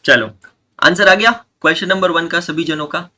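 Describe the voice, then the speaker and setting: Bright-voiced man teaching live online. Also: on the high side, normal speed. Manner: banters with students, mixes Hindi and English. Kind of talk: live online class, chatty lecturing.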